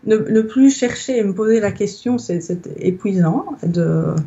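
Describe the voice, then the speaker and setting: She talks unhurriedly and animatedly in a mellow, mid-range voice, captured with lo-fi sound. A yoga teacher in her thirties from Belgium, she is giving a reflective recorded testimonial and searching for her words as she goes.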